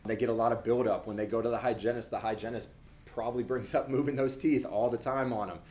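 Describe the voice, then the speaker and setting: A man's voice: medium pitch, steady tone, fast, a little mellow. A young adult man, a dentist, explaining things casually to camera in a conversational way, often repeating words as he goes.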